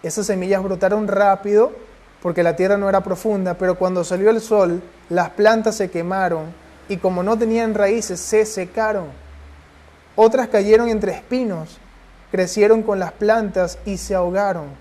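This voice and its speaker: A man's voice: high voice, steady tone, normal speed, a little mellow. A man preaching a sermon and then leading a prayer, pressing his listeners with urgent rhetorical questions.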